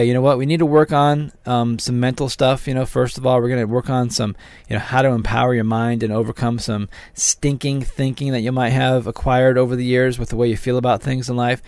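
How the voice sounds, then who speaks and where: A man's voice: medium pitch, a little mellow, dry recording. A man hosting a promotional teleseminar, speaking straight to his listeners in a motivational sales patter. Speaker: seminar host and promoter.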